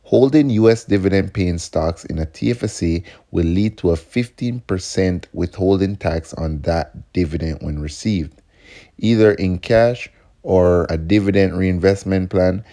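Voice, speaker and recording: A man's voice: deep voice, measured pace, warm tone. A man hosting an investing video channel, explaining topics in a casual, upbeat way and calling the viewers "guys" again and again. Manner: upbeat, addresses viewers as guys, repeats points. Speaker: host of a stock investing channel.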